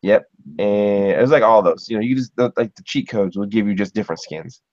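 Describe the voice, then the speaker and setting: A man's voice: on the low side, brisk, a little mellow, dry recording. A man from Ohio chatting casually as a podcast host, rambling with lots of fillers. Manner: rambling, filler-heavy, chuckling. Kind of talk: casual chat. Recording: dull muffled sound.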